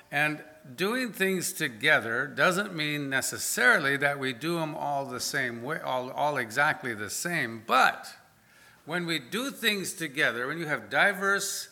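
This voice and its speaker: A man's voice: mid-range voice, sharp tone. A male pastor giving an informal sermon, talking plainly and often stopping to correct himself. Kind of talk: conversational sermon.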